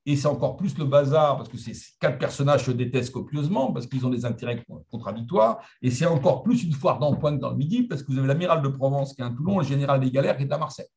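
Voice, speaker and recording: A middle-aged man from France giving a lively, conversational lecture to historians, with humorous asides. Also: mid-range voice, fast, gravelly, hardly any pauses. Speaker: guest speaker.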